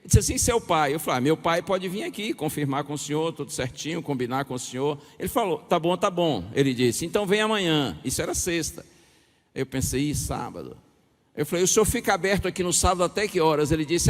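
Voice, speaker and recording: A middle-aged man from Bahia, Brazil, telling a personal story in a sermon as pastor and acting out the dialogue. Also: fairly high pitch. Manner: lively anecdotal storytelling with chuckles and acted dialogue. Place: large hall or church with audience. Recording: preacher in a reverberant hall.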